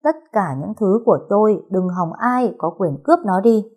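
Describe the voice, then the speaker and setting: A woman's voice: medium pitch, animated, moderate pace, lightly acted. A woman reading an audio story, voicing a furious, spiteful young woman who hurls insults. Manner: shouting insults, venomous.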